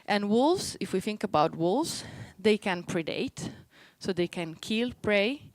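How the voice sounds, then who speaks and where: Speaking slowly but animatedly, a young woman from Rome with a medium-pitched voice and Italian accent leads an informal academic talk, live and streamed. As a postdoctoral researcher, she explains each point in steps, and there's no echo.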